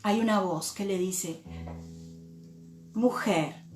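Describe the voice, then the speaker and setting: A woman pastor from Argentina, preaching a sermon in a slow, reflective way and often repeating words as she thinks. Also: sits high, roomy sound, over music.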